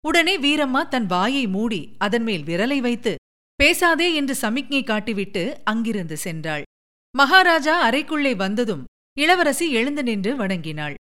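A woman narrating a classic novel as an audiobook in a measured storytelling way. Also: fairly high pitch, very animated, fairly bright tone.

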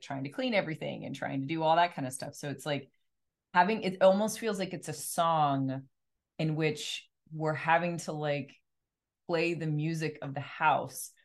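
A woman talking casually and reflectively, rephrasing her thoughts informally as she goes. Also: deep voice. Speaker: life coach and energy healer. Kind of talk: casual conversational discussion.

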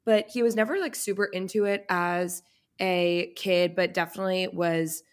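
Chatting casually as a podcast co-host, a twenty-something woman from Boston sounds upbeat and talkative, dropping "like" frequently. She speaks at a normal pace, her voice fairly low and her tone steady.

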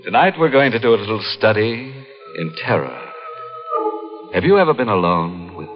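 A man's voice: lowish voice, very animated. A man playing a sly, gleeful horror show host who tells morbid jokes in theatrical 1940s radio style. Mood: sly, mocking. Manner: mocking, theatrical, drawn-out delivery. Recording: dull old radio recording with music.

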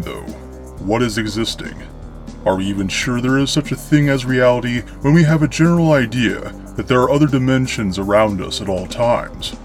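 A man narrating eerie horror tales as a show host, in a grandiose, florid, theatrical storyteller manner. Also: medium pitch. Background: music.

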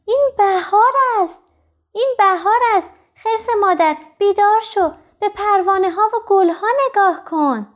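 Woman voicing an excited little bear cub. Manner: high, loud excited calls.

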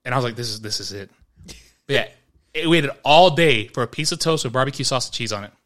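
A man's voice: medium pitch, quick pace. A man co-hosting a podcast, casually telling a story and acting out the quotes. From New York. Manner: animated storyteller, acts out quotes. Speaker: podcast co-host.

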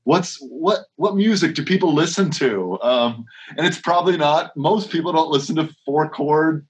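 In a casual interview, a worship leader speaks at a moderate pace in a fairly high voice. His talk rambles, with frequent restarts and runs of rhetorical questions.

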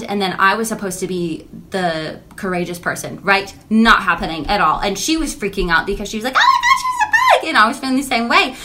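A woman in her thirties, a music teacher, chatting casually and telling animated stories about her lessons. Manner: animated storytelling, acts out quotes in a high voice.

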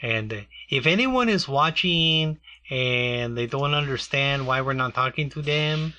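A man's voice: medium pitch, lively intonation, measured pace, pushed and bright. A man chatting casually and joking sarcastically, who grew up in a Mexican community. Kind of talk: casual chat.

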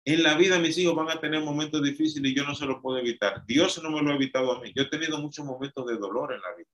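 A man's voice: on the high side, racing, fairly bright tone, dull audio. A man preaching an emphatic, repetitive sermon. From Dominican Republic.

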